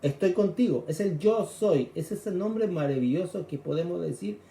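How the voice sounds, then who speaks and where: Chilean man preaching, dark echoey voice. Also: high voice, animated, moderate pace, vocal fry. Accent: Chilean Spanish. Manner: explains scripture conversationally, acts out cries. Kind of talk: sermon.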